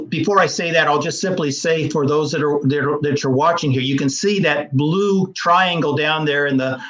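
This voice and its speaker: Male historian guest, slightly high voice, measured and explanatory, lots of "uh". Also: a bit bright, poor audio. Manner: measured, explanatory, with frequent fillers. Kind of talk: explaining history over slides in an interview.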